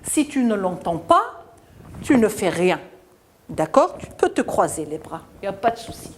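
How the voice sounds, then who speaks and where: A woman teaching a televised reading lesson to children, stretching and singing syllables up high and dropping low to praise. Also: sing-song, slight background noise. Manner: slow, drawn-out syllables sung up high, then drops low to praise.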